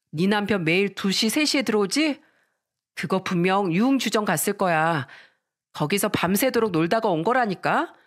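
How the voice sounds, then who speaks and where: A woman's voice: mid-range voice, lightly acted. A woman voicing an outspoken female friend who gives blunt, indignant advice in a dramatized story reading.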